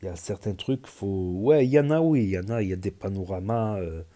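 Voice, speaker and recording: A man's voice: fairly low pitch, fairly quick, warm tone. A man with a southwestern French accent, rambling casually with frequent hesitations as he comments on social media stories. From southern France.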